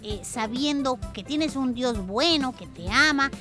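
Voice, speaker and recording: Bright-voiced woman hosting a children's show. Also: high-pitched, unhurried, soft background music. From El Salvador. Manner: warm, lively, speaks directly to children. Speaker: children's radio show co-host.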